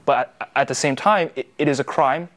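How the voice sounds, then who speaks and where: A young man, a student panelist, making measured points in a panel discussion. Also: mid-range voice, a bit bright.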